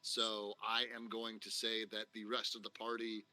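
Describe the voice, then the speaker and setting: Bright-voiced man running a tabletop game. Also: fairly low pitch, completely flat delivery, moderate pace. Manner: rambling, filler-heavy narration. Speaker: dungeon master.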